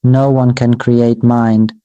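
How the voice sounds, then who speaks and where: Flat, dark-voiced monk giving a sermon. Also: male voice, medium pitch, clear, resonant tone, dry recording, muffled recording. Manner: slow, measured, repetitive incantatory phrasing; addresses his own voice as "Mister Voice". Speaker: Buddhist monk. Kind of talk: Buddhist dharma sermon.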